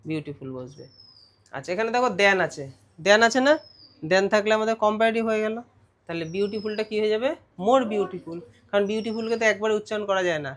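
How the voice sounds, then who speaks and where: A man's voice: high voice, fairly bright tone. A man with a West Bengal Bengali accent, a teacher giving an exam revision lesson and explaining step by step with frequent check-in questions.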